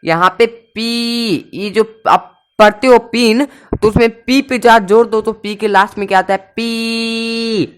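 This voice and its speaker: A man teaching an English pronunciation lesson, repeating sounds slowly and stressing each syllable, asking and then answering his own questions. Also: high-pitched, clear, resonant tone.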